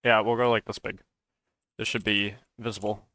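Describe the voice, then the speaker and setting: A man's voice: fairly low pitch, level tone, moderate pace, sharp tone. A man streaming live while he codes, rambling and stammering through casual chat and often saying "dude". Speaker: streamer and mod developer.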